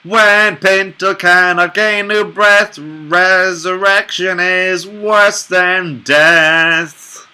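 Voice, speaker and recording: Man as a shrill, declaiming bawdy court lady, stumbling cold read. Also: huge pitch swings, sharp tone, full character voice. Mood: grand, bawdy. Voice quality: drawn-out, theatrical delivery. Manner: declamatory, lewdly grandiose. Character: haughty, bawdy court ladies of a Restoration farce. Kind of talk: stumbling cold read of verse play, in character.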